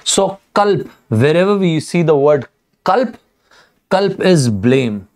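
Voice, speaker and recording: A man's voice: fairly high pitch, big pitch swings, slow, a little mellow. A young man with an Indian English accent, teaching a live online vocabulary lesson with energy, repeating words and asking viewers to type answers. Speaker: online exam tutor.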